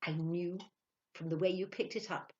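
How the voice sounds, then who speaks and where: A woman's voice: on the low side, fairly even intonation, moderate pace, a little mellow, lo-fi sound, lightly acted. A woman reading aloud voices a playful, passionate young woman who gushes and sometimes drops to an awed whisper. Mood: shy.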